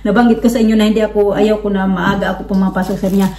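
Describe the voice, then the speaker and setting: A woman's voice: medium pitch, flat delivery, very fast, darkish tone, distant mic. A woman from the Philippines chatting casually to her viewers, rambling with many fillers and restarts. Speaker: vlogger. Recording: roomy, from off the mic, faint noise.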